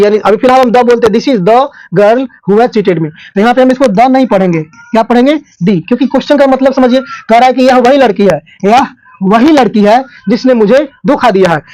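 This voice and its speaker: A very high-pitched man with a Hindi accent, explaining English grammar the way a teacher does. He keeps asking rhetorical questions and answering them, and he draws out his example sentences. The sound is close and dry, with no room echo. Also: a little mellow. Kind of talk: classroom-style grammar lesson.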